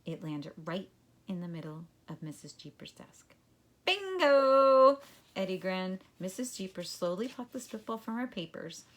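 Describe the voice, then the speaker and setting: Lower-pitched woman teacher reading a storybook aloud. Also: moderate pace. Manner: expressive storytelling, acting out the scenes. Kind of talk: reading a children's book aloud.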